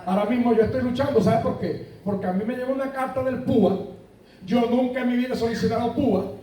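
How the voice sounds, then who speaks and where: A man's voice: very high voice, quick pace, mellow. A man with a Puerto Rican accent preaching a sermon, asking the congregation questions and telling anecdotes. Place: church sanctuary. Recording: echoey church from far off.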